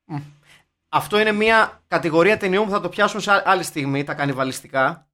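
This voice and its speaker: A man co-hosting a casual film podcast, chatty and excitable, swearing in jest now and then. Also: high voice. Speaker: podcast co-host. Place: informal room, cafe-like.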